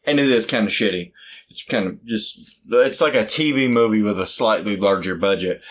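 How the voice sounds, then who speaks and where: A man's voice: fairly low pitch, normal speed. Blunt, profane man debating movies. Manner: blunt, profane, animated, rising to shouts when excited. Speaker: podcast co-host arguing a movie pick. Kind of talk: casual debate chat.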